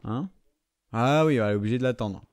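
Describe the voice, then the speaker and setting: A young man with a French accent gives a loose let's-play commentary, cracking jokes and cursing at the game. His pitch sits at an average height for a man, and faint game sounds run underneath his voice. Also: a little fast, a little mellow, a little hiss or hum. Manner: joking, swearing, talks to the viewers and the game. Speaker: gaming commentator.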